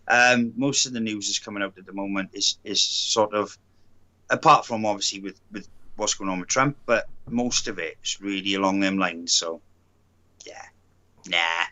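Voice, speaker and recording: A man with a South Wales accent in casual live-stream chat as co-host, halting as he searches for words. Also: lowish voice, bright, forceful tone.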